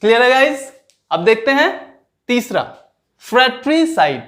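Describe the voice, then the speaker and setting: Guy teaching vocab for exams, talks real slow, stretches out each word and keeps asking if you got it. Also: extremely high pitch, very animated, a bit bright. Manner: repeats each word slowly, drawing it out; asks students questions and checks their understanding. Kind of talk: exam vocabulary lesson.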